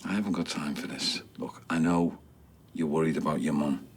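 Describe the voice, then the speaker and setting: A man's voice: extremely low pitch, steady tone, moderate pace. An actor playing an evasive, menacing man, dismissive and needling, in a TV soap. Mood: evasive, defensive. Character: evasive, menacing man cornered by a questioning girl. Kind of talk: naturalistic TV soap acting.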